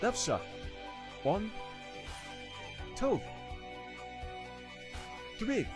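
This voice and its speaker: High-pitched man calling martial arts drill commands. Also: very animated, very slow, music in the background. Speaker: taekwondo instructor. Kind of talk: instructional drill counting and commands.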